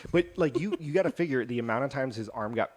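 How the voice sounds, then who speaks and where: A man's voice: medium pitch, animated, fast talker, a little mellow. A man co-hosting a casual podcast, reading out news stories in a rambling, jokey way with lots of fillers and restarts. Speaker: podcast co-host.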